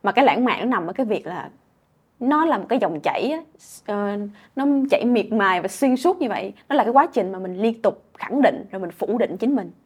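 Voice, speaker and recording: A woman's voice: mid-range voice, lively intonation, brisk, husky, highs cut off. A young woman with a southern Vietnamese accent chatting casually as a guest, emphatic and repeating words as she explains. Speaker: guest, stand-up comedian. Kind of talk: casual chat.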